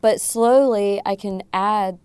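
Woman, military sergeant, panel podcast, direct, practical, smooth voice. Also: mid-range voice, takes it slowly, a little mellow, no room sound. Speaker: technical sergeant and co-host. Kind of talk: casual panel talk.

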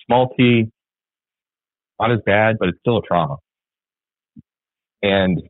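Army sergeant guy, husky deep voice, earnest and thoughtful, dry tinny phone sound. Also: dry recording. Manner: earnest, reflective, with fillers and repeats. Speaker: guest, Army sergeant and article author. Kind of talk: candid podcast conversation.

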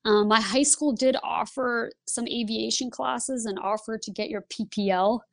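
A woman, a podcast guest telling her story in a lively, casual way. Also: fairly high pitch, moderate pace, creaky, no room sound. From Lithuania. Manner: lively, laughs while telling stories. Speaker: guest, Air Force pilot instructor.

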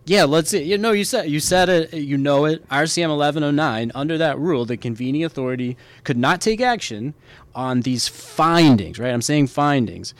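A man's voice: a little high, expressive, moderate pace, no room sound. A man hosting a podcast, explaining legal points in a casual, conversational way and repeating key points for emphasis. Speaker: podcast host, military lawyer.

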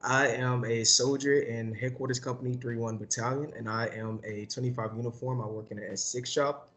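A man's voice: mid-range voice, steady tone, a little fast, fairly bright tone, soft background music. A man of twenty from Texas, a soldier, introducing himself in an upbeat, fluent way. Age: 20s.

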